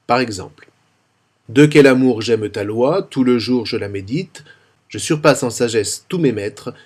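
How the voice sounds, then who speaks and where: A man calmly explaining how to chant a Sunday psalm, speaking with careful, clear diction. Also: medium pitch. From France. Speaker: liturgical singing teacher. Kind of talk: instructional tutorial with sung psalm examples.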